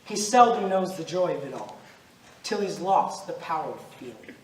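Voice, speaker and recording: This amateur stage actor, a young man, takes on Judas as an eighteen-centuries-old accusing spirit, grave and relentless. His high voice is animated and natural, yet his storytelling stays solemn, deliberate and declamatory, ominous and mournful in mood. The mic sits far off in a roomy, noisy space.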